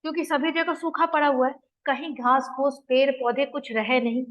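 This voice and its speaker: A woman's voice: sits high, fairly even intonation, normal speed, a bit bright. A woman teaching a Hindi play, retelling its scenes, reading out the characters' lines and explaining words in simple terms. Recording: dull lo-fi recording.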